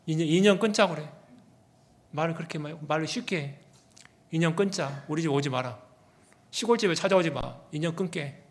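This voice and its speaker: A man preaching a sermon as pastor, animated and asking the congregation rhetorical questions. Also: fairly high pitch. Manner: animated, acts out quoted people in their own voices.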